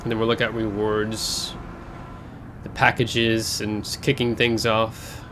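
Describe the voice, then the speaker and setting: A man's voice: on the low side, monotone, slow, background noise. A man hosting a casual game overview, talking in a chatty, rambling way with fillers and self-corrections, his voice a bit congested from air travel. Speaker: gaming channel host.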